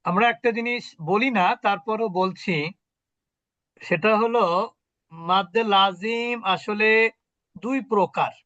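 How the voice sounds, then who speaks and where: A man's voice: high voice, slow, pauses often, sharp tone, no room sound. A man teaching a Quran recitation lesson online. He poses questions and answers them himself, over dull, dry video call audio.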